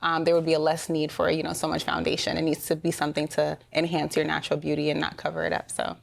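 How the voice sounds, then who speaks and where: A woman's voice: low-pitched, monotone, fast talker, creaky. A woman talking conversationally as an expert interview guest, explaining practical advice.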